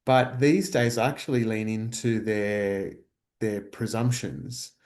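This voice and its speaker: A man's voice: fairly low pitch, slow, a little mellow. A man, a researcher, talking reflectively in a workshop, thoughtful and searching, with many fillers and restarts. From Australia.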